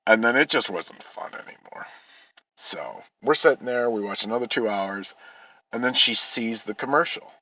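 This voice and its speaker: A man's voice: medium pitch, lively intonation, pushed and bright, poor audio. A man telling a rambling personal story in casual speech, swearing often and restarting sentences. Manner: rambling, profane, with frequent halting restarts. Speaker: vlogger.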